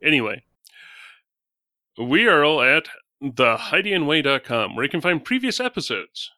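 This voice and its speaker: A man with a bright, lively voice that swings up and down, keeping a tabletop game session moving. He is recorded close and dry. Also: on the high side, moderate pace, no echo. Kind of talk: casual podcast banter.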